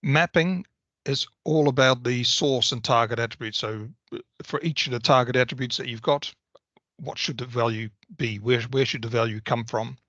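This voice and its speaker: A man on a video call gives a methodical, explanatory software walkthrough. His voice is bright and forceful, and it sounds dry and close. The call audio is a little dull and lo-fi. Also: mid-range voice, fairly even intonation, normal speed, dry recording. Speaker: software presenter. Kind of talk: technical product walkthrough.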